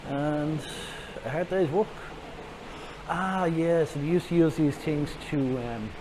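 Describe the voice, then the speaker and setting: An Irish man giving a casual, rambling, self-deprecating walking tour commentary outdoors, speaking through a face mask. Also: mid-range voice. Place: outdoors on city streets by a river. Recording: noisy outdoor street, traffic ambience. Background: street and vehicle noise.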